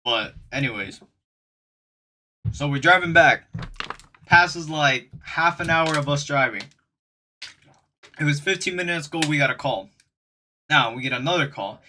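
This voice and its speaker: A young man telling a casual storytime in an animated, slangy way, acting out the quotes. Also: on the high side, unhurried, pauses often, slight background noise.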